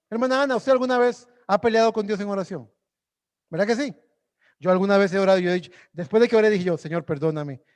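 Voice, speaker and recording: A male pastor preaches with passion, his voice sitting high for a man. He swings between ringing exhortation and hushed, pleading prayer. A long church reverb trails after his words. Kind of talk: sermon. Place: church sanctuary.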